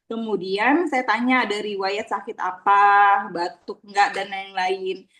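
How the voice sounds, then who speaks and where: A woman doctor telling a patient anecdote in a measured, unhurried way during a group discussion. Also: medium pitch, fairly even intonation, a bit bright. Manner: slow, measured storytelling with fillers.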